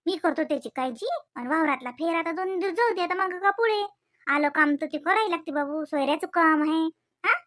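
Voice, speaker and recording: A woman voicing a calm, firm old village mother in a cartoon, with a coaxing way of talking. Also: extremely high pitch, brisk, no room sound, studio quality. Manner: soothing, coaxing, keeps asking "हा?".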